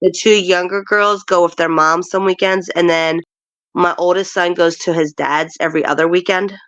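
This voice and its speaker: A woman's voice: lowish voice, fairly even intonation, moderate pace, fairly bright tone, dry recording. A woman from Chile, a stepmother of a big household, chatting casually, laughing and rambling as she tells stories. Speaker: guest, stepmother of a large household. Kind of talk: casual chat.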